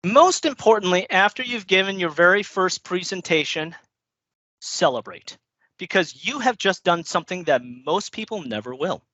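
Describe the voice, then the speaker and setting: A man with a fairly high voice speaks in an upbeat, chatty way, as if giving a talk to a room of peers and often asking "right?". The sound is dull and lo-fi, and very dry. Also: animated, normal speed, bright, forceful tone, no echo. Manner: conversational, upbeat, frequent "right?" and "you know". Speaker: conference speaker. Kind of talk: recorded conference talk on presenting.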